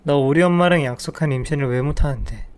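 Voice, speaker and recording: Brief: man voicing a cold, contemptuous husband; smooth, slightly high voice, audio drama. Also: fast, darkish tone, natural voice. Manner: contemptuous, curt. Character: cold cheating husband, harsh and dismissive. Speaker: husband in a narrated story.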